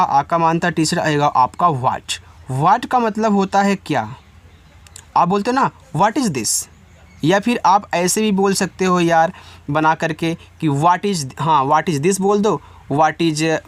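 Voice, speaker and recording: A man teaching beginners, patiently spelling out words letter by letter and repeating each meaning for his students, reading example sentences slowly. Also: a little high, no echo. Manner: addresses viewers as students; reads English examples slowly and carefully. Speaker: English teacher.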